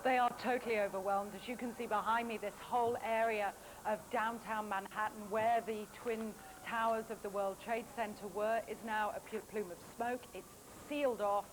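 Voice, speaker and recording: A woman's voice: mid-range voice, steady tone, moderate pace. British female correspondent reporting live outdoors, unscripted, faint city ambience on an old broadcast tape. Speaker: news correspondent. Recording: faint street noise, VHS broadcast.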